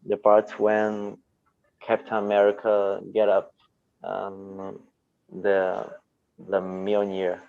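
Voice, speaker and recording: A male student with a Brazilian Portuguese accent, speaking halting English and searching for words with many fillers. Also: lowish voice, monotone, creaky, no room sound. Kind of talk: hesitant English practice. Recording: dull lo-fi audio.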